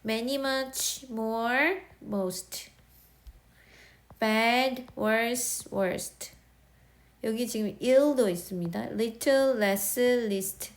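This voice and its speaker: A woman teaching English grammar in a recorded lesson, speaking with a Korean accent, explaining step by step and often checking that students follow. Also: fairly high pitch. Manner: slow, explaining, repeating words and checking understanding.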